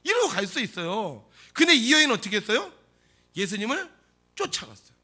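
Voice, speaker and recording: A man's voice: high voice, big pitch swings, fairly quick, bright, forceful tone, breathy edge. A male pastor preaching a sermon dramatically, firing rhetorical questions at the congregation.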